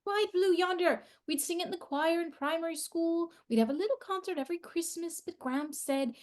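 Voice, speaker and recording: A woman's voice: very high voice, fairly quick. A woman voicing Donna, a fierce, blunt companion, in a fan audio drama. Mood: chatty. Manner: blunt and combative, shouts when angry.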